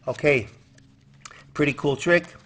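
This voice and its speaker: A man's voice: a little high, slow, fairly bright tone. A man giving card magician patter, explaining a trick step by step as an instructor, counting and posing questions as he goes.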